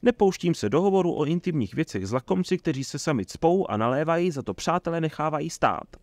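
A man's voice: medium pitch, expressive, dry recording, natural voice. A man voicing a flamboyant, boastful male troubadour who teases and shows off, in a theatrical manner. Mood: haughty. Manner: showy, mocking, theatrical.

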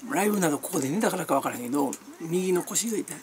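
Chatty Kansai woman with lively pitch. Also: rapid-fire, a little hiss or hum. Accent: Kansai Japanese. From Kansai, Japan. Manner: chatty, meandering, refers to herself by nickname, frequent laughs and fillers. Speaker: vlogger. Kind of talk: rambling casual chat.

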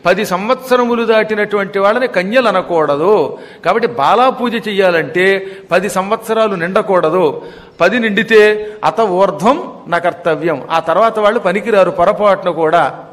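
A man giving a devotional discourse, teacherly and addressing listeners directly, slowly chanting verses and then explaining them. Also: high voice, a bit bright. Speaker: religious discourse speaker. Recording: long hall reverb.

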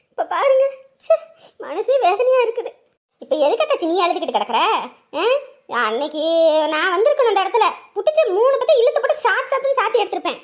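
A woman voicing a quarrelsome, loud-mouthed village woman in a family drama, scolding shrilly. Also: very high voice. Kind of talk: Tamil family drama acting.

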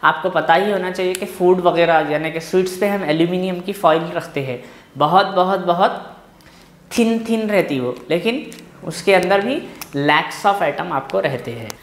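A man with a high voice and an Indian English accent gives a physics lesson in a classroom with a board. He reads the textbook at a slow pace, then switches to a quick Hindi-English explanation, all in a reverberant space.

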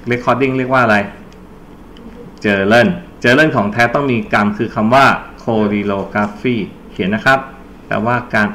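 Man, tutor, exam-prep lesson, step-by-step explaining, prompts students, mid pitch, faint noise. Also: a bit bright. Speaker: English tutor.

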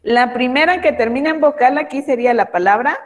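Primary teacher, woman, online class; affectionate, slow, emphatic; a touch high; reverberant room. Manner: patient, slow and emphatic when reading words aloud; affectionate toward pupils. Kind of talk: online class for young children. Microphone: video call.

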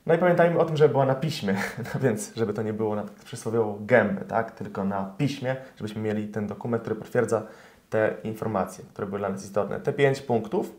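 A man's voice: on the low side, fairly quick, darkish tone. Young man explaining law. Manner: explanatory, many fillers, addresses viewers politely. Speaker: lawyer. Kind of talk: interview answers, explaining law.

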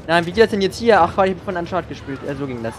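A man's voice: high voice, lively intonation, racing, slight background noise. A man streaming a let's play, muttering sarcastic commentary to himself as he plays. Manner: sarcastic self-talk while playing. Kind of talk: gaming commentary. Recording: voice over game sounds.

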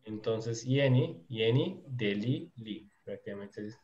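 A man teaching Turkish in a live online lesson, explaining patiently and filling pauses with lots of fillers. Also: fairly low pitch, expressive, a little mellow, lo-fi sound.

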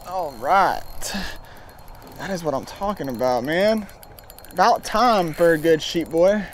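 A young man talking casually and excitedly while fishing from a kayak, recorded on an action camera outdoors. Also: on the high side, measured pace, a little hiss or hum. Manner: excited, chatty, says man and guys a lot. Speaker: fishing vlogger. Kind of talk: casual outdoor vlog commentary. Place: kayak on open water under a bridge. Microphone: action camera on chest and pole.

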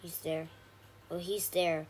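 A woman giving casual gameplay commentary, chatty with frequent ums and sudden excited shouts. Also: fairly low pitch, slow, slightly rough. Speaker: gaming channel host.

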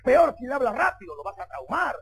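Loud, rowdy Peruvian street comic. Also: male voice, very high voice, very animated, brisk, vocal fry, breathy edge, poor audio. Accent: Peruvian Spanish. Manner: loud, rowdy, jokey, slangy. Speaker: street comedian. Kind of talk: street stand-up comedy. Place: outdoor street.

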